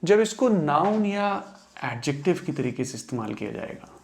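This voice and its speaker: A young man teaching English pronunciation in Hindi, slowly sounding out example words and sentences. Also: fairly high pitch, sing-song. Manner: slow, careful word-by-word demonstration. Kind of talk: explaining lesson in Hindi.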